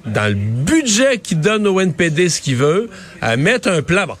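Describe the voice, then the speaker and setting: A middle-aged man with a Québécois accent, co-hosting and commenting on politics in a casual, quick way, with many fillers. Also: high-pitched, sing-song. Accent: Québécois French. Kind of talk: news panel commentary.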